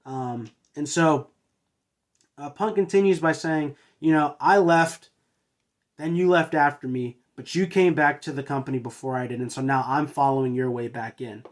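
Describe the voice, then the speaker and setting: A man at a mid-range pitch, casually recapping events for his own review show. He talks in a halting, unpolished way, filling gaps with uhs and restarting sentences. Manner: hesitant, filler-heavy with frequent uhs and restarts. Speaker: wrestling show reviewer and host.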